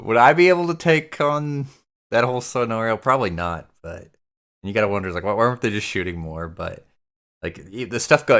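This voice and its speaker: A man's voice: low voice, a bit bright. A man hosting a casual movie podcast, easygoing and steering the questions. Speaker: podcast host. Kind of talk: casual movie review chat.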